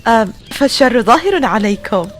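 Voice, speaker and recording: A woman's voice: a little high, very animated, brisk, soft background music. A woman in her twenties playing a puzzled modern young woman lost among ancient Romans in an audio drama. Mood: bewildered. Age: 20s. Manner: puzzled, questioning.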